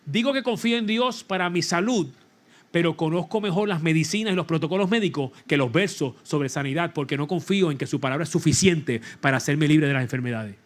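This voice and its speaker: A middle-aged man preaches in a church sanctuary. His voice sits somewhat high for a man. He delivers the sermon animatedly, laughing and leading call-and-response. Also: fairly quick. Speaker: pastor.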